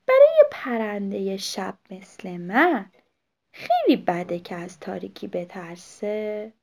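A woman's voice: mid-range voice, very animated, creaky, darkish tone. A woman voicing an eager, blunt young male owl in a children's story, talking in an earnest, insistent way.

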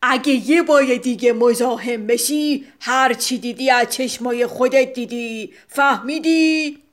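A woman voicing a frightening gorilla who threatens loudly in a children's story. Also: on the high side, close to an everyday voice. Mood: menacing. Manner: menacing, loud.

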